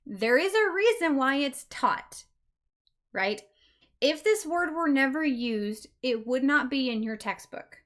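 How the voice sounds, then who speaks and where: Woman, language teacher, slow careful pace, slightly high voice, patient, repeats words. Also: lively intonation, fairly bright tone. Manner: checks in with "right?" often. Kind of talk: online language lesson.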